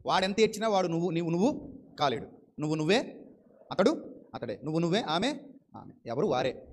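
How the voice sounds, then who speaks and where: A man's voice: a little high, lively intonation, fairly quick. A man preaching a sermon with fervent repetition and rhetorical questions.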